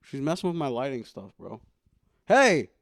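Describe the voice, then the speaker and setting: A man's voice: mid-range voice, lively intonation, normal speed, a little mellow, dry recording, clean studio sound. A young man hosting his own podcast at home, chatting casually and rambling playfully while poking fun at himself. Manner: self-mocking, rambling, playful. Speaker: podcast host. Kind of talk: casual solo podcast chat. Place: home room.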